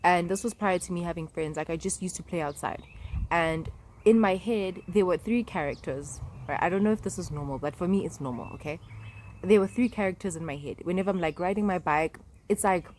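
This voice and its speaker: A woman's voice: fairly low pitch, fairly quick, a little mellow, slight background noise. A young woman vlogging in a chatty, rambling way, full of fillers and asides. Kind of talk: casual talk to camera.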